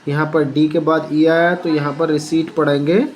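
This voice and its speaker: A man's voice: on the high side, flat delivery, normal speed, darkish tone, slight background noise. A male teacher giving a spoken pronunciation lesson, spelling words out letter by letter and asking the viewer to repeat each answer.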